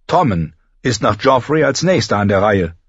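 A grave young lord, stubborn and grim, carried through in a husky register as a man reads him aloud. His pitch moves in lively swings, and the sound is dry and a little dull, like an audiobook. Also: normal speed, no echo. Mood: earnest. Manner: firm, grim.

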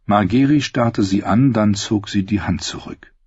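A man narrating an audiobook in a steady, measured way. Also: lowish voice, breathy edge, no echo, dull audio. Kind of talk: scripted narration.

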